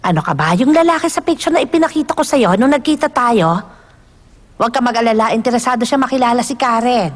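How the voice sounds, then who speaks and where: A woman's voice: a little high, expressive, fast talker. A woman playing a pushy, meddling older matchmaker in a dubbed drama. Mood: insistent. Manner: pushy, insistent.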